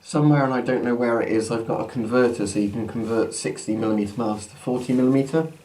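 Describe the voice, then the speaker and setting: Muffled behind a gas mask, a fast-talking man with a mid-range, darkish voice gives an unscripted demonstration while testing military masks. The amateur recording is noisy and picks up background noise.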